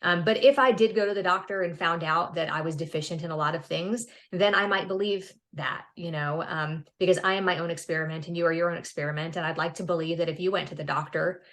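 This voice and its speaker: A woman's voice: lowish voice, fairly even intonation, fast talker, hardly any pauses, a bit bright. A woman in her fifties, a podcast guest, talking earnestly and upbeat in a casual interview, often restarting words. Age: 50s.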